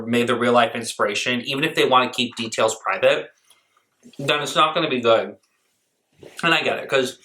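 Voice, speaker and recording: A man's voice: medium pitch, sharp tone. A man giving casual reaction commentary on a clip, blunt and sarcastic, mocking what he hears. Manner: talks with his mouth full.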